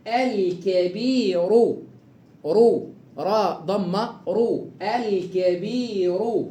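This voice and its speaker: A man with an Egyptian accent teaching Quran recitation rules, stretching out example words slowly and quizzing the listener. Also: sits high, darkish tone, reverberant, slight background noise. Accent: Egyptian Arabic. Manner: drawn-out slow repeating of example words, quizzing questions. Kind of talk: tajweed lesson.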